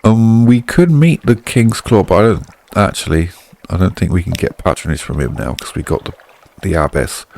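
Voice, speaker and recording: A man's voice: low-pitched, animated, normal speed, creaky, a little mellow. A man hosting a video game playthrough, chatty and offhanded, reading the game's narration aloud and then commenting on it.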